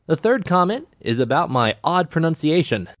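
A man hosts a science podcast and answers listener mail in a calm, explanatory way. His pitch moves up and down a lot as he talks. The recording is dry and close, with almost no room sound. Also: normal speed, no room sound. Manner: explains calmly and clearly. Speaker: podcast host.

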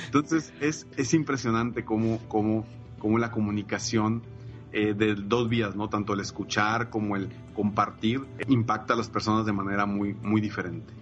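A man's voice: on the low side, steady tone, a little slow, muffled recording, soft background music. A man, a coach and podcaster, talking emphatically and enthusiastically in a casual podcast chat. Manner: enthusiastic, emphatic, frequent fillers like "eh" and "pues".

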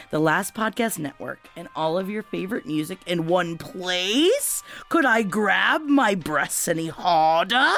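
A woman in her thirties hosting a podcast, joking and rambling through a promo and casual chat. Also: fairly low pitch. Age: 30s. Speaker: podcast host.

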